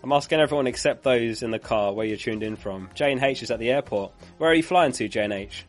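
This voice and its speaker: Faint music plays behind a man hosting a live fantasy football stream while his voice is giving out. Speaking quickly at medium pitch, he chats casually, reads comments from viewers aloud and laughs with them.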